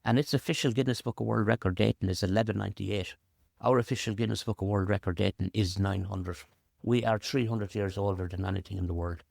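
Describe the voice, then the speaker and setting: A low-voiced Irish man with a creaky, gravelly edge tells local history as a storyteller. He repeats words for emphasis and builds his account in short phrases. The sound is close and dry. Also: fairly even intonation, quick pace, a little mellow, no echo. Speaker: pub representative and local storyteller.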